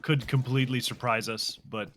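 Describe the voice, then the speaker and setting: Male esports caster, mid pitch, excitable play-by-play calls over faint game noise. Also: normal speed. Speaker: esports commentator. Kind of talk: live play-by-play commentary.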